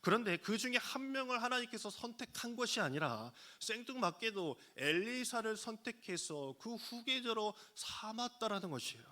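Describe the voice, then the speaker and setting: A male pastor gives a sermon as a story, his voice bright and forceful and pitched slightly high. He drops into quick acted-out quotes between the narration. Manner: storytelling, acting out quoted lines with sudden pitch jumps. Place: church sanctuary.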